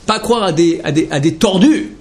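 A man giving a Torah lecture to an audience of men, emphatic and rhetorical, swinging between hushed explanation and impassioned questions. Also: high-pitched, expressive, normal speed. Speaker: rabbi teaching Torah.

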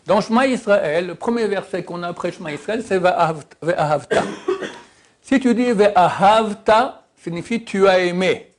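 A man with a fairly high voice gives a casual religious lesson on pronunciation. He draws out example words slowly, sometimes almost singing them. He drops teasing remarks along the way. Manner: lively, drawn-out demonstrations of words, half-sung. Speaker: religious teacher. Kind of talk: informal lesson on Hebrew pronunciation.

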